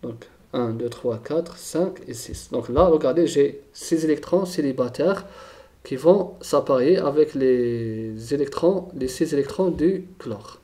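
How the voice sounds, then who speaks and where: A man's voice: medium pitch, a little slow, warm tone. A man teaching a chemistry lesson, thinking aloud and repeating key terms, often checking with "d'accord?".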